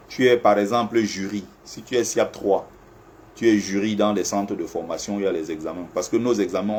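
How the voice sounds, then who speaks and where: A security agent talks casually and animatedly to viewers from an air-conditioned office, addressing them directly and repeating himself. His voice is fairly low in pitch, with slight background noise.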